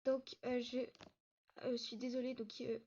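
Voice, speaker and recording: A woman with a fairly high, mellow voice that barely moves in pitch gives a casual YouTube tour of her game map. She talks fast and hesitantly, with many fillers and restarts, saying she struggles to catch her breath, all through a muffled lo-fi mic.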